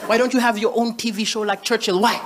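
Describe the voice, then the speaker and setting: A man voicing his nagging, demanding girlfriend in a stand-up bit, a bit lower than his own voice, in a noisy club. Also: fairly even intonation, fast talker, natural voice. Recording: noisy live club recording, crowd laughter.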